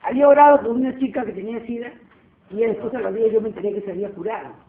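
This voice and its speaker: A woman, giving a lively church testimony and acting out the dialogue as she tells it. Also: on the high side, rapid-fire. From Peru. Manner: animated storyteller acting out dialogue. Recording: tinny phone-like line with faint noise.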